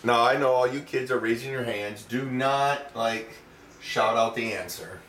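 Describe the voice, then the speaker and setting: A man's voice: medium pitch, measured pace, fairly bright tone. Man, middle-aged, home cooking host, rambling dry jokes, roomy kitchen echo, faint background hum. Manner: wry, self-mocking, rambling asides. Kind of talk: casual cooking demonstration. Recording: roomy echo, distant mic.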